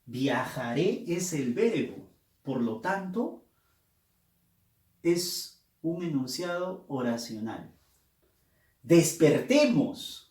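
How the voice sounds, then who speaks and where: A male teacher explaining a lesson slowly and deliberately, stressing the key words. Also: medium pitch, lively intonation, darkish tone. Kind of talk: recorded grammar lesson. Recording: roomy echo.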